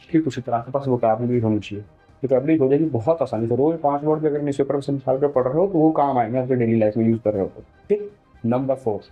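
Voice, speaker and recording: A man's voice: mid-range voice, warm tone. A man giving a casual spoken tutorial as an English teacher, conversational and repetitive, slipping English phrases into his explanations.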